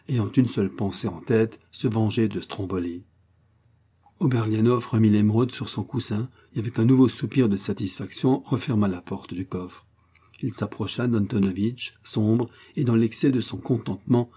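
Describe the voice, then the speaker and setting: A man narrating an adventure novel in a steady, measured storytelling voice. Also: fairly low pitch, slightly rough. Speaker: audiobook narrator.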